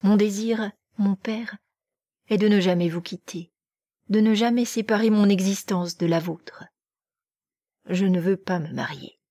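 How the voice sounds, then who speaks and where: A woman voicing a gentle, devout young princess who speaks softly and earnestly, in an audiobook reading. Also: mid-range voice, measured pace, long pauses, no echo, studio quality, lightly acted. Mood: resolute. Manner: soft, tender and earnest.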